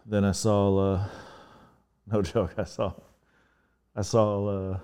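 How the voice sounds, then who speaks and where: Deep-voiced laid-back man. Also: little pitch movement, mellow, smooth. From Northern Virginia. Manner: laid-back, halting, with many fillers. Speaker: podcast guest. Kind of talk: casual interview chat.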